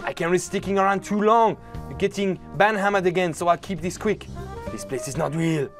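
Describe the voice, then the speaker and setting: A man's voice: high-pitched, moderate pace, over music, pitched above the performer's own voice. A man voicing a flamboyant male pigeon hero with a put-on French accent, speaking theatrically. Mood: dashing. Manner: theatrical, dashing.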